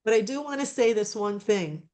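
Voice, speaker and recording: A woman's voice: medium pitch, lively intonation, moderate pace, a little mellow. A woman giving a casual personal testimonial over a video call, rambling with many fillers and restarts. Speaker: program client giving a testimonial.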